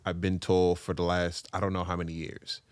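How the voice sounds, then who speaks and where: A man's voice: low voice, little pitch movement, a little fast, no echo. A man in his thirties with a Brooklyn accent tells a story in a slangy, conversational podcast style. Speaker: podcast speaker telling a personal story. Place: small indoor podcast studio. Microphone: close podcast mic on boom arm.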